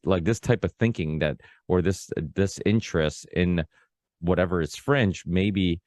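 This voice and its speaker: This podcast host is a native Portuguese speaker, born in Portugal and roughly forty, chatting casually at length. He wanders and restarts often, peppering his talk with "you know, like." His pitch is extremely low with a darkish tone, captured in clean studio sound without echo.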